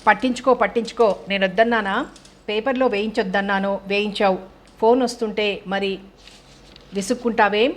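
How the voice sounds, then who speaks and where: A woman's voice: medium pitch, steady tone, moderate pace, natural voice. A woman voicing a grumbling retired old man who is irritated with his wife.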